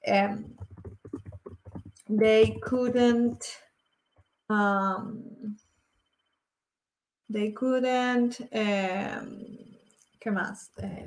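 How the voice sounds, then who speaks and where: Speaking at a medium pitch in an echoey room, a young woman from Argentina gives a live online English class. Her Argentine Spanish accent comes through as she slowly drills examples and checks that students are following.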